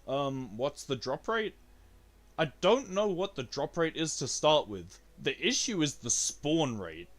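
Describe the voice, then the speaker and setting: Excitable man streaming a game. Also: a little slow. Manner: excitable, jumps to high yelps when thrilled or annoyed; swears casually, talks to chat. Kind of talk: casual gameplay commentary.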